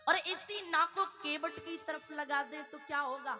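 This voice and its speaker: A woman's voice: sits high, measured pace, bright, forceful tone, faint music behind. A woman religious storyteller giving a devotional discourse, asking her listeners rhetorical questions and breaking into sung verses.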